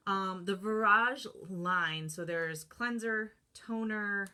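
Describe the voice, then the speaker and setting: A woman's voice: medium pitch, takes it slowly, sharp tone. A woman in her thirties talking casually to the camera about skincare, chatty and full of fillers, acting out her own reactions. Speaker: holistic skincare vlogger. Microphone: camera close up, holding products to the lens.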